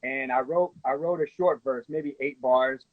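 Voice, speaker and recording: Man, late 30s, from the US, relaxed rambling storyteller, tinny phone sound, dry. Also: mid-range voice, unhurried, no echo. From United States. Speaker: guest musician. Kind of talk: casual interview chat. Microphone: phone on a live video call.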